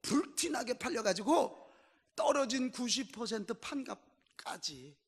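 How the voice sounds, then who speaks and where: A middle-aged male pastor preaching a sermon emphatically, swinging between loud and soft and throwing questions to the congregation. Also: extremely high pitch, lively intonation, a little slow, breathy edge. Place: church sanctuary. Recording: echoey church hall.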